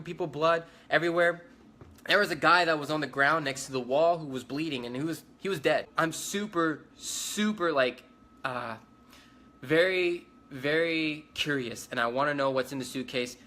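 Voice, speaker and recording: A man's voice: fairly high pitch, sharp tone. A man giving a spoken eyewitness account, talking urgently, repeating himself and restarting his sentences. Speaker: eyewitness survivor.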